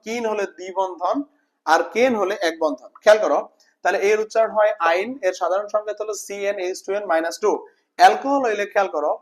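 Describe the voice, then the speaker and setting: High-voiced man teaching chemistry. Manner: repeats terms slowly, checks understanding with questions. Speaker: chemistry tutor. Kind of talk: informal exam-prep lesson.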